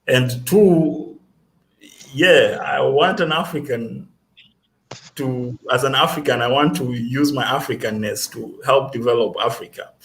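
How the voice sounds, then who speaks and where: A man's voice: mid-range voice, measured pace, fairly bright tone. A young man with a Kenyan accent, a student guest answering interview questions in an earnest, self-assured way. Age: young adult. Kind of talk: casual interview.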